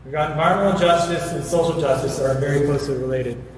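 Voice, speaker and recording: A man gives an earnest debate answer as a candidate, pushing ahead with quick restarts. His voice is slightly high for a man. The hall adds a long, roomy echo, with faint noise underneath. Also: fairly even intonation. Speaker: city council candidate. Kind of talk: debate speech.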